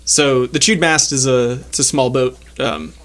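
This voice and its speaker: Guy running a tabletop game, loose and rambling, lots of uhs, mid pitch. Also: steady tone, measured pace, fairly bright tone. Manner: loose, filler-heavy. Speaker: game master.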